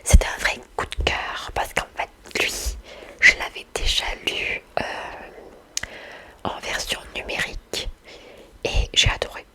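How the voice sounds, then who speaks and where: A woman speaking in a soft library-like whisper, talking about books and reading aloud in an ASMR style. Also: unhurried. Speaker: book haul video host. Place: indoors, in front of bookshelves.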